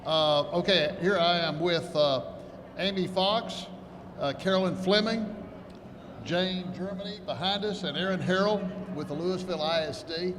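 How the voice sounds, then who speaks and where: A man's voice: high voice, measured pace, fairly bright tone. A man hosting a conference interview, chatty and joking. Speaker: host. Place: conference hall, indoors. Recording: noisy reverberant hall.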